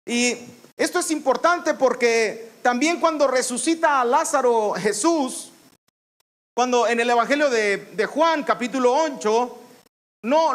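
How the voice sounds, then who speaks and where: Preaching a sermon, this man has a very high-pitched, fairly bright voice. He explains scripture in a teaching manner, repeats phrases to stress them, and calls out commands authoritatively.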